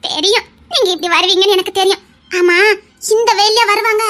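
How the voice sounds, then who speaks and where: A woman's voice: very high-pitched, steady tone, a little fast, sharp tone. A woman with a Tirunelveli accent playing a young lover who fusses over him and scolds him tenderly. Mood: fussing, doting. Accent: Tirunelveli Tamil. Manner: scolding, fussing, affectionate. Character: young woman Anandhi, doting and fussy lover. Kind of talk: web series drama.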